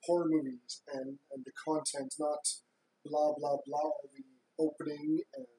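A woman's voice: sits low, little pitch movement, a little slow, mellow. A woman co-hosting a podcast in a casual, conversational way. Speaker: podcast co-host. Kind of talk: casual chat. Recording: roomy, with some background noise.

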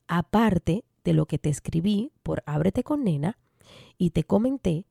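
A woman's voice: mid-range voice, creaky, mellow, no echo, studio quality. A woman with a Caribbean Spanish accent hosting a podcast, talking frankly and informally as she gives advice and reads listener letters. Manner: frank, informal, affectionate forms of address. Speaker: podcast host. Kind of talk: casual advice talk, reading out listener letters.

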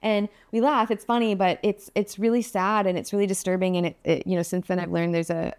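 A woman's voice: medium pitch, level tone, fairly quick, a little mellow, smooth, no echo, studio quality. A woman, a guest on a podcast, telling a personal story in a candid, earnest way with many fillers. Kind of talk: interview storytelling.

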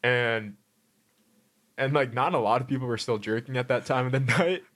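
A man's voice: medium pitch, moderate pace, a bit bright. A man chatting casually as a podcast co-host, telling stories in slangy, joking talk. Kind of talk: casual chat, anecdotes.

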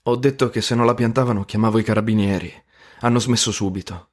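A man voicing a calm, dry-witted older schoolboy. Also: on the low side, fast, natural voice. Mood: concerned. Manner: unruffled, dry wit. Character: calm, easygoing older male student leader.

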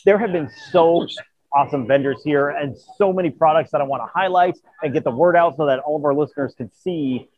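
A man's voice: fairly high pitch, a little fast, narrow, tinny audio. A man hosting a podcast from a convention, in a casual chat, tired and losing his voice, earnest and grateful. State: tired, voice wearing out. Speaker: podcast host.

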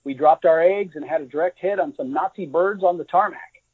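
A man voicing a calm, matter-of-fact male bomber pilot in a book reading. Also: fairly high pitch, brisk, husky, dry recording. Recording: dry, tinny phone-like audio.

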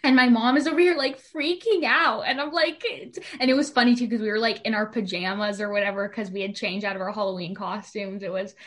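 A woman's voice: mid-range voice, steady tone, brisk, few pauses, a bit bright. A young woman co-hosting a podcast in casual, chatty talk with heavy use of "like.". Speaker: podcast co-host. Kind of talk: casual chat.

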